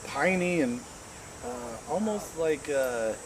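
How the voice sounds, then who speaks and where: A man in casual chat tasting beer with a friend, relaxed and searching for descriptive words. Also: fairly high pitch, slow, noisy background.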